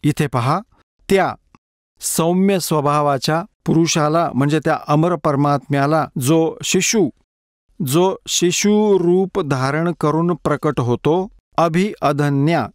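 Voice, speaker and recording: Man preaching with a fairly high voice. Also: no room sound, studio quality. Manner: explains verse by verse, repeats key words slowly. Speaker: preacher giving a dubbed sermon. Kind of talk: sermon reading scripture.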